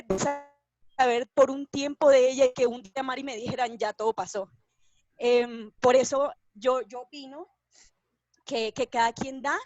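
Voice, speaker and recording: A woman's voice: a little high, dry recording, dull audio. Tearful woman sharing a personal story. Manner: emotional, tearful, hesitant. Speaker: family member of a cancer patient. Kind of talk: personal testimony in a panel talk.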